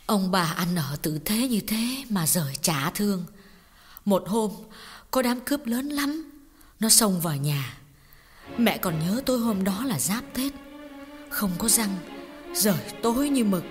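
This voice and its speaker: A woman's voice: medium pitch, animated, unhurried, long pauses, husky. A woman voicing a sorrowful middle-aged mother recounting a family tragedy in an audio story. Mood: grieving. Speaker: audiobook voice actor. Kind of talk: audiobook drama reading. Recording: long reverb with faint music.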